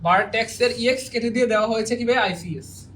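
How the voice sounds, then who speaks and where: High-voiced joking male teacher. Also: fast, a bit bright, a little hiss or hum. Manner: joking, quizzing students with repeated questions. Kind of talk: exam-prep grammar class.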